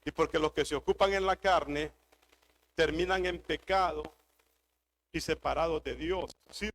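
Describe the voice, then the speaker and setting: A pastor preaching a sermon, driving points home with emphatic repetition. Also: male voice, on the high side, unhurried, fairly bright tone, a little hiss or hum.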